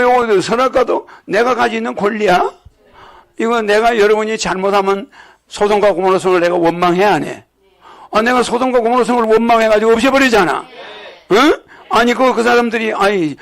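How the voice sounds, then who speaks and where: A high-sitting male voice with vocal fry belongs to an older religious leader giving a meandering sermon-lecture to his followers. He repeats himself, chuckles, and frequently checks with the audience, asking "right or not?"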